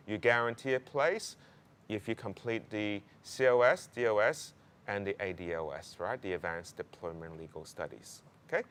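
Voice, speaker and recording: Speaking at a medium pitch, this law program presenter gives prospective students an informational talk. He keeps it conversational and emphatic, frequently tacking on "right" or "okay."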